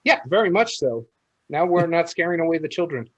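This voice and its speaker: A man's voice: a little high, lively intonation, a little fast, a bit bright, muffled recording. A man co-hosting a board game podcast, answering in short, dry, joking remarks. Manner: dry, joking, brief replies. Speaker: podcast co-host. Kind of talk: casual podcast chat.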